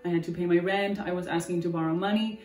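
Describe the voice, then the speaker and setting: Over background guitar music, captured by a roomy, distant mic, a woman in her twenties from the United States recounts her story in an interview. She speaks fast in a lowish, slightly mellow voice with fairly even intonation. Her manner is candid and rambling, and she keeps restarting her sentences.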